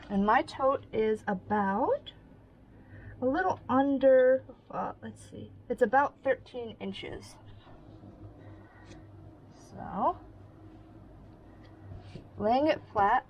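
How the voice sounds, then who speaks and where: A woman with a slightly high voice walks through a sewing project in a casual tutorial. She takes her time, explaining each step as she works with her hands. A faint hum of noise sits under her voice. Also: poor audio. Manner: friendly step-by-step demonstrating while working. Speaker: sewing instructor.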